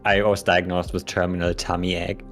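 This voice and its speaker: A man's voice: sits low, level tone, a little fast, a bit bright, faint music behind. A man in casual livestream chat, playful and cutesy, with affectionate exclamations. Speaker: guest co-streamer.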